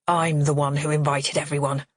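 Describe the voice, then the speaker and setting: A woman's voice: deep voice, level tone, moderate pace, no room sound, studio quality. A woman voicing a tense grown-up son who answers his father in clipped, curt lines.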